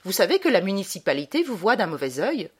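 A woman voicing a brisk, wary village doctor from a storybook, with businesslike speech. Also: mid-range voice, very animated, breathy edge. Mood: worried.

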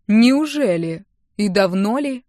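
A woman's voice: medium pitch, normal speed, no echo, clean studio sound, lightly acted. A woman reading an audiobook, voicing a domineering wealthy middle-aged mother who talks with sarcasm and scorn. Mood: scornful. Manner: sarcastic, venomous, raising her voice.

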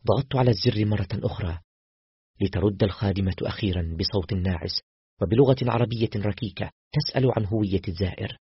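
Very husky, fast-reading male narrator. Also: lowish voice, no room sound, highs cut off. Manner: steady, quick dramatic narration. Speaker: storyteller. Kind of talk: novel read aloud in first person.

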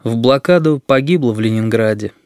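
Man playing a kindly middle-aged police captain, measured and gentle, for a storybook reading. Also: mid-range voice, no room sound, clean studio sound, natural voice. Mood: calm.

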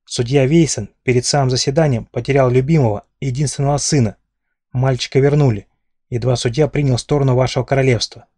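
A furious red-haired lord who growls out his accusations, full of cold hatred, as a male reader acts him out. The voice is dark and mellow, with a dry, close sound. It reads like a dramatic storybook. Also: medium pitch, fairly even intonation, fast, no echo, natural voice. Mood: accusing.

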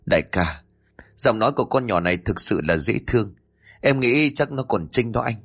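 A man's voice: fairly low pitch, lively intonation, normal speed, fairly bright tone, husky, heavily acted. A man voicing crude young male thugs in a spoken story, talking in an eager, coarse way. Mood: leering.

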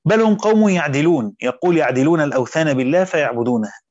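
A man's voice: fairly high pitch, expressive, rapid-fire, darkish tone, no echo. Man, Quran commentary lesson, reads then explains, dry muffled recording. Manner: reads quotes aloud, adds brief spoken asides. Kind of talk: reading and explaining a classical commentary.

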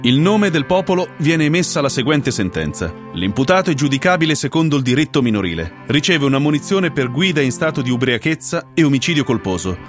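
A man playing a judge who reads out a court sentence in a measured, formal way, with music behind him. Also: a little high, very animated. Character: stern formal judge reading a verdict.

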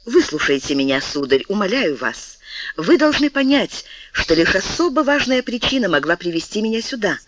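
A man voicing a tender, sorrowful noble lady, a marquise, in a soft, wistful, reproachful way. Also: high voice, very animated, moderate pace, noisy background. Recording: dull lo-fi dry recording.

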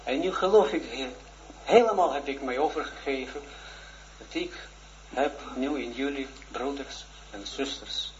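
Male religious teacher, 40s, halting earnest testimony, muffled lo-fi audio. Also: medium pitch. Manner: halting, hesitant, with many restarts; shy and earnest. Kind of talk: personal testimony in a religious lesson. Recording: dull lo-fi recording with faint noise.

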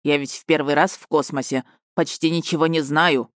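Stern male space captain, slow and commanding, low dry voice, voiced by a woman. Audiobook. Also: steady tone, no room sound, lightly acted. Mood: puzzled. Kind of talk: audiobook character reading.

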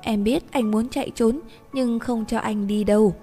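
A woman's voice: fairly high pitch, fairly even intonation, normal speed, dark tone, close to an everyday voice. A woman voicing a drunk, stubborn young woman who talks in a clingy, bossy way. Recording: reverberant room with faint music.

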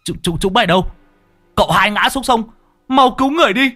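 A man's voice: deep voice, lively intonation, slow, a little mellow, clean tone, dry recording, soft background music. A man voicing a sly, scheming grown son who speaks coldly and taunts his father. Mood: urgent shouting. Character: scheming sly adult son, cold and spiteful. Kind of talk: storytelling voice acting.

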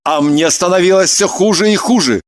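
Man playing a young male killer, bitter, confessional, audiobook dialogue, higher-pitched. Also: brisk, close to an everyday voice. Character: troubled 27-year-old male killer, confessing.

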